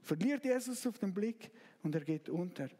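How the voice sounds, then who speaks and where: A male pastor retells a story in his sermon through slow, dramatic narration broken by sudden loud outbursts. His expressive voice sits high, and a long reverb tail follows it.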